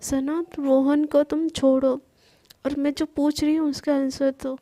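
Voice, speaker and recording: A woman's voice: sits high, flat delivery, unhurried, dark tone. A woman voicing a hurt young woman who turns curt and commanding. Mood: stern. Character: hurt young woman, stern when wronged.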